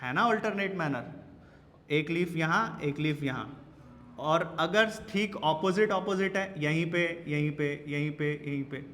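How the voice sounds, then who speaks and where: A man's voice: a little high, a little slow, fairly bright tone, in a large hall, a little hiss or hum. A male biology teacher lecturing in a classroom, quizzing his students with repeated questions and teasing them. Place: classroom with a whiteboard.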